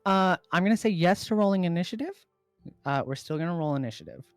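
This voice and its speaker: A man running a tabletop game as game master, narrating in a relaxed way with lots of fillers. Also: high voice, fast talker, no echo, soft background music.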